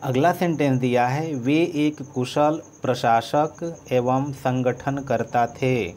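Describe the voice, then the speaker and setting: A man teaching an English lesson, spelling words out letter by letter as he writes and trailing off softly. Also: medium pitch, fairly even intonation, takes it slowly, slight background noise. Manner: dictates letter by letter, trails off softly while writing. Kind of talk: slow board-writing lesson, spelling out words.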